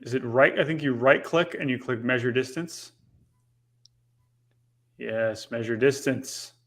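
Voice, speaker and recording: A man co-hosting a casual talk show, laughing often and talking in a brisk, playful way. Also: mid-range voice, fairly even intonation, a bit bright. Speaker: co-host. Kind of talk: casual chat.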